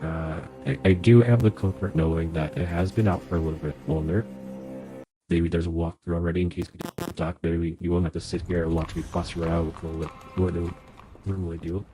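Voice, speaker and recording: Over background music and a rough recording, a young man gives live playthrough commentary on a game he is streaming. He is chatty and thinks aloud, sounding nasal from being sick, his deep voice level and brisk.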